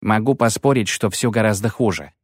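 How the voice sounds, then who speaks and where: A male narrator voicing a sardonic bard who grumbles quick mocking remarks in an audiobook. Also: fairly low pitch, no room sound, clean studio sound, natural voice.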